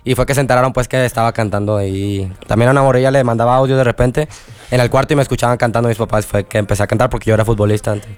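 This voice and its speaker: A man's voice: mid-range voice, little pitch movement, very fast, a little mellow, clear, resonant tone. A man in his twenties, the singer of a band, telling stories in an eager, slangy way. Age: 20s. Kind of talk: casual interview talk.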